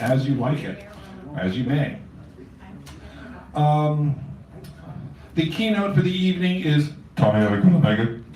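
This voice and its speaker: A man's voice: on the high side, darkish tone, far from the mic. A man hosting a poetry open mic in a cafe, rambling through announcements with wry asides. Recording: echoey cafe room recorded from afar.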